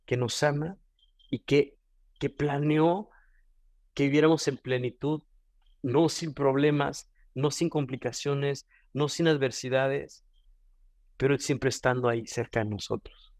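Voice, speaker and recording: A man's voice: mid-range voice, fairly even intonation, unhurried, a little mellow, dry recording, clean studio sound. A man with a Mexican Spanish accent giving an earnest devotional teaching, often repeating and restarting phrases. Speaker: devotional speaker.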